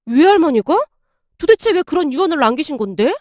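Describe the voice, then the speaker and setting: A woman's voice: high voice, sing-song, a little fast, darkish tone, dry recording, clean studio sound. A woman voicing an upset young daughter in a storybook drama, pressing with startled questions. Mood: startled questioning.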